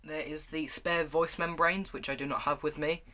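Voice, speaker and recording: Bright-voiced man reviewing gear. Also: fairly high pitch, steady tone, moderate pace. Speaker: gas mask reviewer. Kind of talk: casual product review, showing items to camera.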